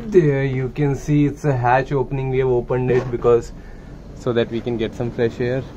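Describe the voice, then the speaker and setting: A man's voice: mid-range voice, little pitch movement, moderate pace, dull audio, background noise. A young man touring a lifeboat for his vlog, explaining plainly while filming on his phone, with Hindi mixed into his English. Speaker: merchant navy officer vlogger. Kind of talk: casual guided tour vlog. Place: inside a ship's lifeboat. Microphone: handheld phone.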